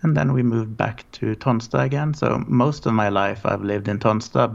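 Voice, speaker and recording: Gravelly man, forties, from Norway, flat tone, relaxed rambling talk, muffled lo-fi audio. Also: fairly low pitch. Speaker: guest. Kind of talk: casual interview.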